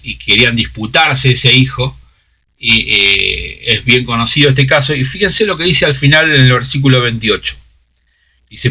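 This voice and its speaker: A man's voice: mid-range voice, pushed and bright. A man with a Rioplatense Spanish accent, preaching a sermon and reading scripture aloud, with many fillers and restarts.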